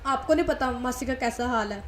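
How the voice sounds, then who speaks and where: A woman's voice: high-pitched, a little fast, a little hiss or hum, lightly acted. A woman voicing an anxious young niece who pleads close to tears. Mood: tearful.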